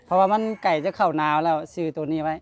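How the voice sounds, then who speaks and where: A man with a Lao accent speaks at a fairly high, steady pitch and a racing pace, with a little hiss or hum behind him. He's a vlogger presenting donated gifts, chatting casually to a family and viewers, repeating himself and seeking agreement.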